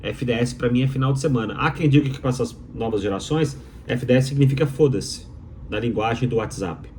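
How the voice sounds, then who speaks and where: Fairly quick and a little mellow, the man's mid-range voice carries a little hiss or hum. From Minas Gerais, he's a doctoral student with a Mineiro Brazilian Portuguese accent, walking viewers through his opinions emphatically and rhetorically while repeating key phrases.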